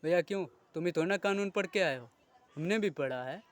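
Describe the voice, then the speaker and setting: Male vlogger, high voice, heated indignant rant with crude language and rhetorical questions. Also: fairly quick, no room sound. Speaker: video creator. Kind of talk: ranting monologue to camera.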